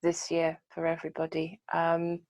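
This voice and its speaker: A woman's voice: fairly low pitch, monotone, normal speed, a little mellow, dry recording, muffled recording. A woman, co-hosting a podcast over a video call. She speaks earnestly and reflectively in long, thoughtful runs. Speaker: podcast co-host. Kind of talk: casual chat on a video call.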